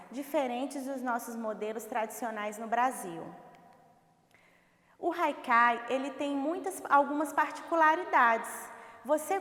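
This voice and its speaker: A woman's voice: high voice, a bit bright. A woman teacher giving a recorded class lecture, explaining patiently, rephrasing and counting syllables aloud. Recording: echoey room with long reverb.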